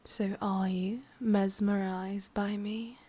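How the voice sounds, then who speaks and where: A woman whispers through an ASMR roleplay as a possessive, sadistic witch, her English accent wrapped in breathy, teasing, menacingly sweet delivery. She speaks slowly at a medium pitch with a level, dark tone, and the mood is cruel and possessive.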